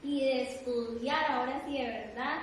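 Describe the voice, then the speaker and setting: A woman from a church class, sharing her own experience hesitantly and haltingly, with frequent tag questions. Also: sits high, steady tone. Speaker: class participant. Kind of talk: testimony in a class discussion. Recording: echoey room, distant mic, noise.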